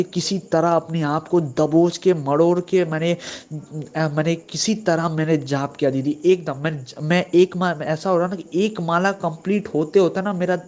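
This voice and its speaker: Young man, fairly high voice, earnest and halting, circles back on his words. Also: a little mellow. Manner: earnest, halting, repeats himself. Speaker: devotee sharing experience. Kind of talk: personal testimony.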